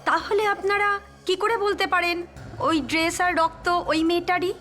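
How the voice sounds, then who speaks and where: A woman's voice: extremely high pitch, steady tone, moderate pace, a bit bright, faint music behind. An actress playing a skeptical, questioning woman in an Indian TV crime drama.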